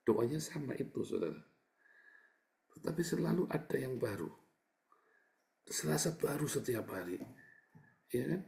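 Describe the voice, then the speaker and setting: A middle-aged man, a pastor, giving a casual, chatty sermon, often turning to his listeners and swinging from quiet asides to loud, emphatic bursts. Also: mid-range voice, very animated, a little slow, vocal fry, pauses often. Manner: keeps addressing listeners as brothers and sisters.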